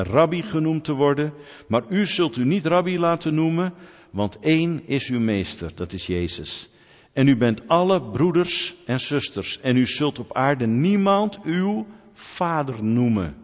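Male preacher, lively delivery, muffled hall recording with long reverb. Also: medium pitch. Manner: animated preaching, rising to near-shouts when quoting. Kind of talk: sermon. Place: church hall.

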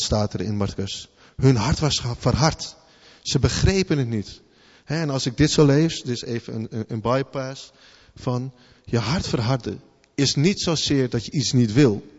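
A man's voice: medium pitch, a little mellow. A man giving a sermon in a loose, conversational way, asking rhetorical questions and often repeating words as he thinks aloud. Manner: informal, conversational preaching with rhetorical questions and "hè" tags. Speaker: preacher. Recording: long hall reverb, slightly dull sound.

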